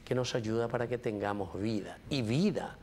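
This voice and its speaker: Gravelly-voiced Paraguayan priest preaching. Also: male voice, on the low side, normal speed, slight background noise. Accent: Paraguayan Spanish. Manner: switches into Guaraní phrases; repetitive, emphatic preaching with sudden loud rises. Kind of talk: sermon.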